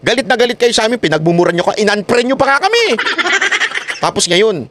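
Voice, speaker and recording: A man hosting a political vlog, talking in an animated, mocking way, often laughing and mimicking his critics. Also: high-pitched, fast talker. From Philippines. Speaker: political vlogger host.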